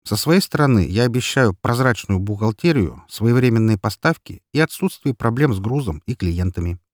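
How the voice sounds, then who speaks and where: A male audiobook reader voices a calm businessman who bargains hard, speaking in a measured, firm way a bit higher than the narration. The natural-sounding recording is studio quality with no echo.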